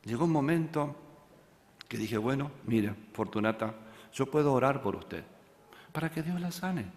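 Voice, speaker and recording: A pastor, preaching a sermon and telling a story that he acts out, moving from loud passages to hushed ones. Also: lowish voice, long reverb tail.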